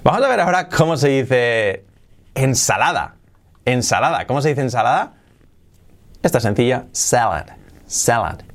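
A man's voice: mid-range voice, big pitch swings, normal speed, pauses often. A man with a Spain Spanish accent giving a casual English lesson, repeating each word and switching between Spanish and English. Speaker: English teacher.

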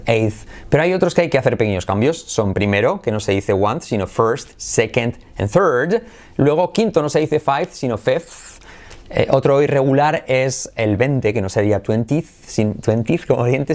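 A man from Spain with a Spanish accent, a native Spanish speaker teaching English pronunciation, drilling words aloud in a lively, playful way. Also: medium pitch. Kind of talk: bilingual pronunciation lesson.

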